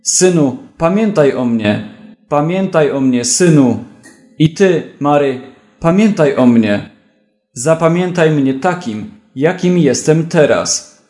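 A man's voice: on the high side, lively intonation, slow pace, a little mellow, reverberant. A man voicing a desperate arrested father pleading frantically with his family in a storybook reading.

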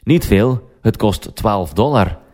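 A man's voice: on the low side, animated, slow pace, a little mellow. A man voicing a cocky speeding driver in a language-learning story, sly and cheeky.

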